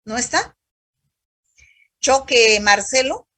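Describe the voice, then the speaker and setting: Stern husky woman teacher on a video call. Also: on the high side, expressive, takes it slowly, pushed and bright, no room sound. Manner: stern, scolding, calls students hijita. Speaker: university microbiology teacher. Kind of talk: online class roll-call quiz.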